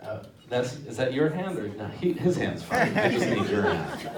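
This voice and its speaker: A man hosting a live stage hypnosis show, giving commanding, repetitive instructions with drawn-out phrases. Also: mid-range voice, sing-song, recorded from a distance. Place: live show venue with audience. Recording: echoey live stage, crowd noise.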